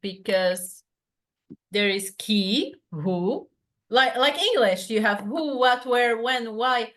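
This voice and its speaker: A woman's voice: on the high side, expressive, takes it slowly, fairly bright tone. A woman teaching a one-to-one lesson over a video call, explaining patiently with many fillers and restarts. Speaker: French tutor.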